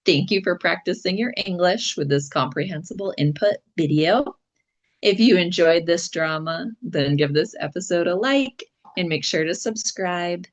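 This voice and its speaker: A woman teacher narrating a scripted story slowly and deliberately for English learners, some lines near a whisper. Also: low voice, dull audio.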